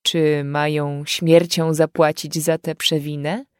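A woman playing a cold, cruel man of the fairy folk who threatens slaughter in a slow, measured storybook voice. The tone sits a little low and carries firmly. The sound is dry and close. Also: little pitch movement, clear, resonant tone, no echo. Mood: coldly menacing. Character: cold, menacing male fairy-folk abductor.

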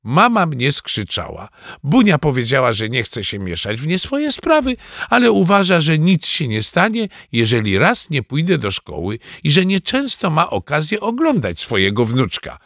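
A man narrating a children's storybook in an expressive storytelling manner. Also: medium pitch, normal speed, no echo, clean studio sound. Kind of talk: storybook reading.

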